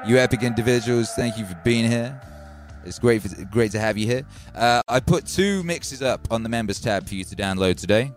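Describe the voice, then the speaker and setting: A middle-aged Welshman with a mixed Welsh and Birmingham accent hosts a live stream, casual and excitable, swearing and thanking viewers by name. He speaks in a mid-range voice at normal speed, with soft music in the background.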